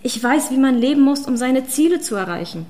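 A woman's voice: on the high side, animated, moderate pace, natural voice. A woman reading an audiobook, voicing a fierce, power-hungry female witch who hisses and commands. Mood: fanatical. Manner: hissing, commanding, then shouting.

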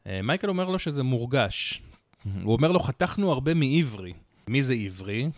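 A man's voice: mid-range voice, sing-song, no room sound, studio quality. A man co-hosting a podcast, telling the story in a casual, chatty way with many fillers and little asides. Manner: chatty, recounts events with many fillers and quips. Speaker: podcast co-host.

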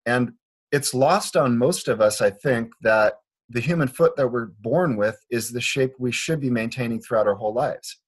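A husky, mid-range male voice at normal speed belongs to a Liberian foot doctor. During a conversational interview at a Portland, Oregon clinic, he earnestly explains his views in a chatty way, frequently restarting.

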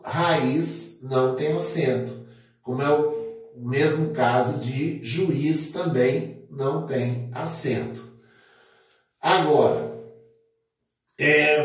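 A man teaching a grammar lesson, methodical and repetitive, with many fillers. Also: fairly high pitch. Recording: echoey room, distant mic.

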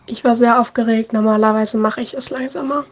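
A woman, a contestant, reading a novel aloud in a hurried way. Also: fairly high pitch, steady tone.

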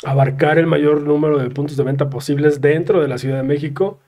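Mellow-voiced Mexican man explaining things casually. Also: a little high, steady tone, fairly quick. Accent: Mexican Spanish. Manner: explanatory, frequent fillers and tag questions. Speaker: craft brewery representative guest. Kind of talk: casual interview chat.

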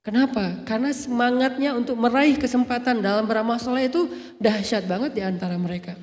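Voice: medium pitch, a little fast, a little mellow. Playful religious storyteller with jokey asides, recorded in a reverberant hall. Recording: echoey hall with long reverb.

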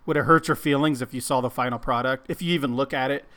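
A man's voice: medium pitch, fairly even intonation, fast, fairly bright tone. A middle-aged man co-hosting a podcast in casual chat, with joking, self-deprecating banter. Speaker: podcast co-host.

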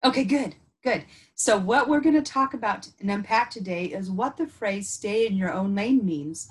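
Podcast co-host, woman, reflective, mid-pitched, laughs easily. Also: normal speed. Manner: thoughtful, unpacks ideas aloud with frequent "and so" restarts. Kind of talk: casual reflective podcast chat.

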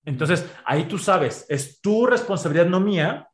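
A man with a Mexican accent in a podcast conversation, explaining ideas with everyday examples in an animated way. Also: sits high, normal speed. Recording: roomy echo.

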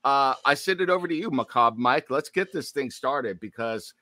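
Male podcast co-host, jokey and tangent-prone, bright tone, dry close sound. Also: medium pitch, animated, moderate pace, no room sound. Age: adult, studied in college. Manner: chatty and jokey, drifts into tangents. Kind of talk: casual chat.

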